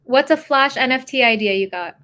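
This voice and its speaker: Lively young woman chatting on a podcast. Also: sits high, brisk. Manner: lively storyteller, laughs easily. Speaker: podcast co-host. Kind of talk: casual chat.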